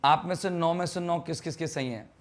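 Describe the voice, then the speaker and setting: A man runs a live online English grammar class. His voice sits a little high, and he talks in a chatty, teasing way while quizzing his students on their answers. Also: a little fast. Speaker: teacher.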